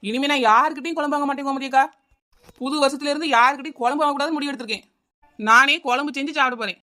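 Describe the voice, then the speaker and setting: In this comedy cartoon, the scatterbrained housewife Chinnaponnu, an adult woman, speaks in a high, sharp voice with a Kanyakumari Tamil accent. She chatters rapidly and wheedles, repeatedly circling back to one name.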